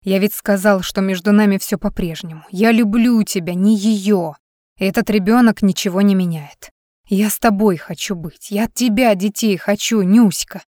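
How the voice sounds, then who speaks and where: A woman's voice: mid-range voice, moderate pace, warm tone, no echo, natural voice. Desperate man on the phone, urgent and swearing, read by a woman narrator. Dry, close sound. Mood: angry. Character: man, tense pleading lover on the phone.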